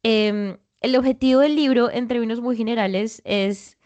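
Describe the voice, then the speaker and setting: A woman's voice: a little high, normal speed, a little mellow, lo-fi sound. A young woman hosting an academic interview podcast, speaking conversationally with frequent fillers.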